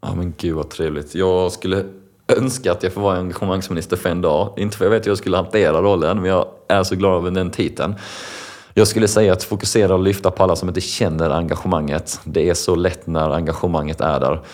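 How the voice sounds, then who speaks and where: A man's voice: low voice, fairly even intonation, a little mellow. A young man, a lecturer, answering interview questions in an earnest storytelling way. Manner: earnest, storytelling, acts out quoted voices. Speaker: lecturer and speaker. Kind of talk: conversational interview answers with anecdotes.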